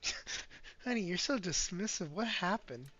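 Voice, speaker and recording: Bright, playful man chatting on stream. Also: high-pitched, animated, normal speed. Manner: chatty and playful, joking with his girlfriend. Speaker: game streamer. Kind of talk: casual livestream chat while gaming. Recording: slightly dull sound with faint music behind.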